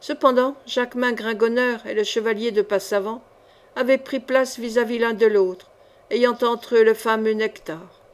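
A woman's voice: on the high side, fairly even intonation, moderate pace. Woman narrating a classic adventure novel. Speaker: audiobook reader.

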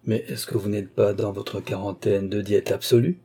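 A composed male sorcerer speaks softly and patiently, never rising to anger, as a male narrator reads him. The voice is dark and husky, kept low and even. It is a storybook reading. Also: moderate pace. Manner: calm, soft, even-tempered replies.

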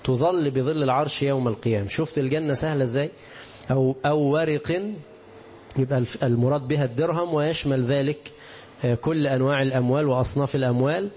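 Brisk Egyptian sheikh teaching hadith. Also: male voice, medium pitch, fairly even intonation, a little mellow. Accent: Egyptian Arabic. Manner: conversational, asks rhetorical questions to the listeners; explains slowly with everyday examples. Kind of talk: religious lesson.

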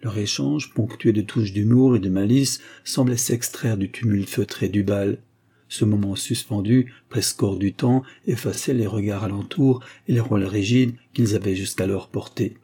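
A man narrating an audiobook in measured, steady storytelling. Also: fairly low pitch, husky. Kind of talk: scripted narration.

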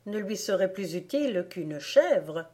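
A woman's voice: mid-range voice, very animated, unhurried, mellow. A woman reading aloud voices a clever mother who speaks in a serious, composed way. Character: calm, clever mother of a girl.

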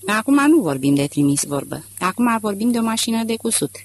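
A male audiobook reader voicing a calm, polite salesman who stays pleasant while he bargains. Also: high-pitched, slight background noise, voice pushed up. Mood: calm bargaining. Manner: amiable, calm, smooth.

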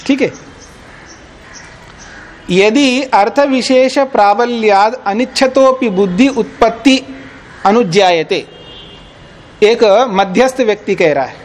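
A man teaching a class, slowly reciting Sanskrit sutras and then explaining them plainly in Hindi, often checking whether his students follow. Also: high-pitched. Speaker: teacher of Nyaya philosophy. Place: teaching hall of an ashram.

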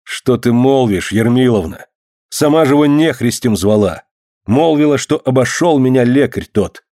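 A proud, hot-tempered boyar lord of old Russia, as a male reader does him, grave and archaic in his speech. The voice is low-toned and mellow. It sounds dry and close to the mic. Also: expressive, moderate pace, no echo, natural voice. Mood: indignant. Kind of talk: audiobook reading.

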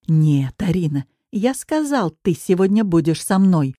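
Audiobook figure: drunk, menacing young trainer, low and mellow, dry booth; a woman puts him on. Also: sing-song, unhurried, dry recording. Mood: pushy. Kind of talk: audiobook character voice.

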